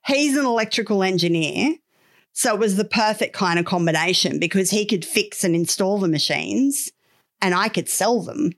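A woman's voice: mid-range voice, expressive, normal speed. A middle-aged Australian woman telling stories in a casual interview, with a candid, wry, colloquial manner. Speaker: podcast guest, business owner.

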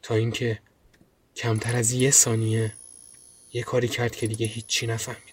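A man narrating a first-person horror story in a grim, low tone, also hosting the podcast. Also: monotone, noisy background.

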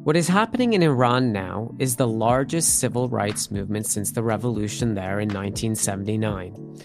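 A man hosting a podcast, reading a formal scripted introduction in a measured way. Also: on the low side, creaky, music in the background. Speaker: podcast host.

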